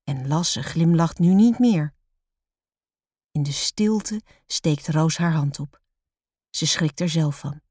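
A woman reading a children's storybook aloud in a calm, measured way. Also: low-pitched, slightly rough, no echo, studio quality.

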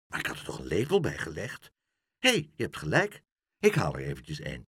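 A bossy, fussy mother scolds in a husky voice that swings up and down, put on by a man reading aloud. She sounds brisk and strict. The sound is dry and close. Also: a bass voice, wildly swooping pitch, fairly bright tone, no room sound, voice pushed down, exaggerated voice. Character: strict fussy mother, middle-aged woman.

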